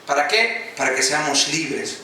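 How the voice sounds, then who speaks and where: A man's voice: on the high side, animated, unhurried, pushed and bright, a little hiss or hum. A male pastor preaching a sermon in an emphatic way, calling out to the congregation and waiting for them to answer. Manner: emphatic preaching with call-and-response. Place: church hall. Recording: echoey church hall from a distance.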